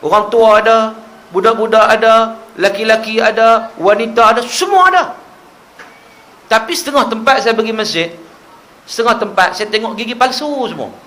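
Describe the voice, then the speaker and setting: High, bright-voiced preacher. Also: male voice, moderate pace. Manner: lively storytelling with humor and rhetorical questions. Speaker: religious preacher. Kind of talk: animated sermon. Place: mosque prayer hall.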